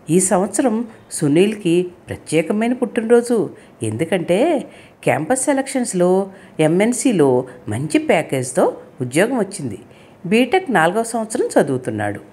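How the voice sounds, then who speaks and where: Husky-voiced woman reading a story. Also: medium pitch. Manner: expressive, emotional reading. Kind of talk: scripted story narration.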